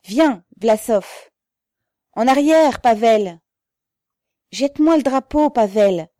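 Woman playing a grim pockmarked worker, shouting. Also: extremely high pitch, animated, normal speed, dry recording, studio quality, pitched above the performer's own voice. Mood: urgent. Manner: urgent shouting.

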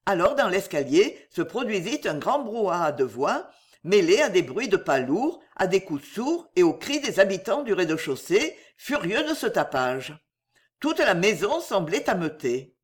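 Woman reading a novel with lively intonation. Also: medium pitch, measured pace. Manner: expressive reading, acts out each character. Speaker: narrator.

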